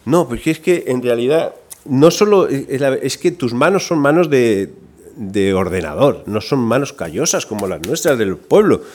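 A man's voice: mid-range voice, very animated, moderate pace, darkish tone. A man voicing blunt village men at a tavern, matter-of-fact as they point out he isn't local.

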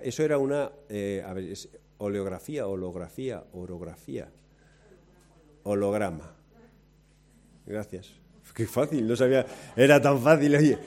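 A man preaching a sermon, telling the story with lively acted-out quotes and questions to the listeners. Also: medium pitch. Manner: lively storytelling, acts out quoted voices, asks the audience questions.

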